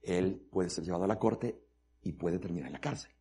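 Casting: husky male pastor, sermon that swings from hushed storytelling to loud preaching, code-switches between Spanish and English. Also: low voice, a little fast.

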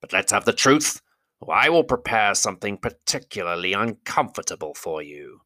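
A man voicing a huge, cruel male goblin king in an audiobook reading, speaking slowly and menacingly, with hissed asides. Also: on the low side, very animated, sharp tone, no room sound. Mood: sneering. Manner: slow, menacing, drawn-out delivery with hissed asides. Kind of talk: audiobook character voice.

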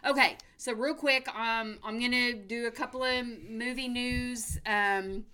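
An upbeat American woman hosts a casual film chat in a fairly high voice. She takes her time, talking very slowly in a chatty, folksy way. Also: steady tone, pushed and bright, clean tone. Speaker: movie podcast host. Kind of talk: casual movie news chat.

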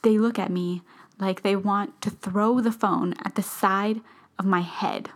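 A woman reading a first-person story aloud, often slipping into a soft whisper. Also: mid-range voice, steady tone, a little slow. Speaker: narrator.

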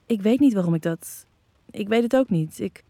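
A woman's voice: medium pitch, lively intonation, moderate pace, dark tone, no echo, close to an everyday voice. A woman reading a teasing young man. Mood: apologetic.

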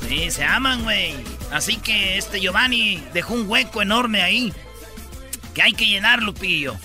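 A man's voice: sits high, expressive, moderate pace, over music. A man with a Mexican accent hosting a comedy radio show, bantering over news items in a slangy, jokey way.

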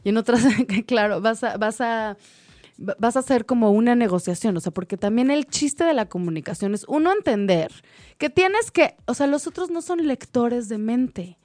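A woman co-hosting a casual chat, animated and acting out quoted dialogue. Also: a little high, moderate pace, no echo, clean studio sound. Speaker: co-host.

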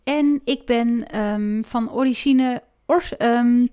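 A woman's voice: on the high side, slow pace, dark tone, smooth. A woman in her thirties, a health coach from the Netherlands, explaining her work earnestly with frequent hesitations in a podcast interview. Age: 30s.

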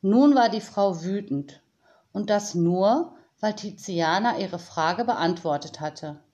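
Brief: woman storyteller, slow and calm, children's audiobook. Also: mid-range voice. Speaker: narrator.

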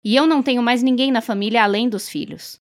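A woman reading aloud and voicing a quiet, resigned village husband who speaks in a subdued way. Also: a little high, fast, voice pushed up, natural voice. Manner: subdued, lamenting.

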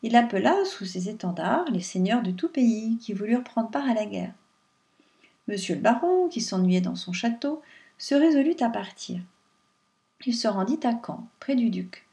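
A woman reading a fairy tale aloud in a calm, measured storytelling manner. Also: medium pitch, creaky, distant mic.

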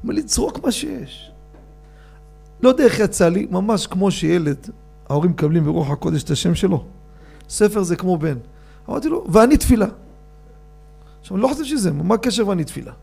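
A male rabbi leads a casual Torah lesson, reading out rulings and turning often to his listeners with questions. His voice sits high and carries a gravelly edge. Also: faint music behind. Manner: animated, asks listeners questions and reads quoted rulings aloud. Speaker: rabbi teaching a Torah class.

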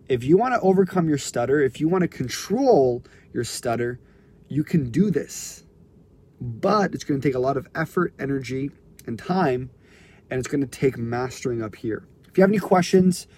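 A man's voice: fairly high pitch, darkish tone, breathy edge. A man coaching people who stutter in an unscripted live stream, talking earnestly and directly to the viewer, his voice climbing when he drives a point home.

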